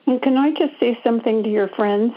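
A woman calling in to a radio show over a phone line, grateful and talking in halting restarts. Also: a little high. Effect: radio show caller heard over a phone line. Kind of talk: casual call-in chat with the host.

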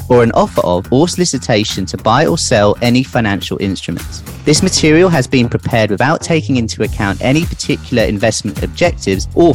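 A man hosting a podcast reads out a scripted legal disclaimer in a formal, uninterrupted delivery. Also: mid-range voice. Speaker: podcast host.

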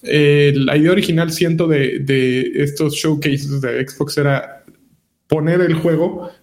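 A man's voice: a little high, steady tone, measured pace, darkish tone. A man with a Mexican accent giving casual, slangy commentary as a panelist on a gaming talk show, explaining his points and checking in with short tag questions.

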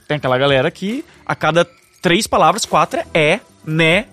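A man's voice: fairly high pitch, normal speed, soft background music. A Brazilian man, a speaking coach, explaining with energy as a podcast guest. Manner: energetic, teaching, laughs often. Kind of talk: podcast conversation.

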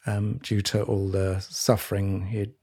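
A man co-hosting a podcast, talking reflectively in a halting, searching way with many restarts. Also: lowish voice, little pitch movement, gravelly, warm tone, breathy edge. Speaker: podcast co-host. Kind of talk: reflective conversation.

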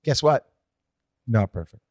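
A man co-hosting a casual podcast chat, explaining current events in an animated, swinging way. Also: mid-range voice, measured pace, no echo, studio quality. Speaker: podcast co-host.

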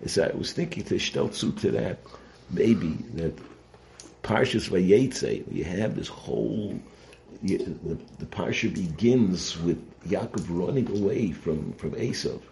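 Male religious teacher, deep voice, conversational and halting delivery, some background noise. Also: sing-song, creaky, dark tone. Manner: conversational, halting, repeats phrases, rhetorical check-ins. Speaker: rabbi giving a Torah lesson. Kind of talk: informal sermon, Torah lecture.

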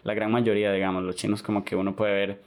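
A man's voice: on the low side, flat delivery, fast. A young man hosting a podcast in casual chat, talkative and full of tag questions. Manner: chatty, repeats himself, lots of "¿verdad?". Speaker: podcast host.

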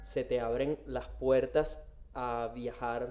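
A man's voice: medium pitch, steady tone, slow pace, dark tone, soft background music. A Latin American man, co-hosting a casual podcast and laying out its topics. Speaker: podcast co-host. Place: Australia.

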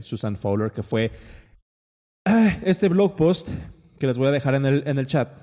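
Rambling Mexican man with a mellow voice. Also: medium pitch, big-room sound. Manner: rambling, many restarts and fillers. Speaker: podcast host. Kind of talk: casual podcast chat.

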